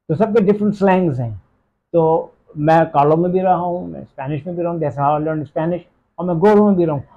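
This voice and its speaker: A man's voice: high voice, dark tone, lo-fi sound. A man from Pakistan who teaches English, answering interview questions emphatically and slipping in English phrases. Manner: emphatic, mixes in English phrases, asks "theek hai?".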